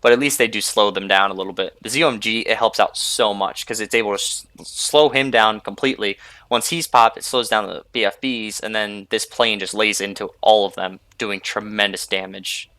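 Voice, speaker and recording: A man's voice: lowish voice, steady tone, normal speed, few pauses, sharp tone, no room sound. A young man hosting a gaming video, rambling casually over his gameplay and filling gaps with "like" and "you know". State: sleepy, yawning. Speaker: gaming channel host.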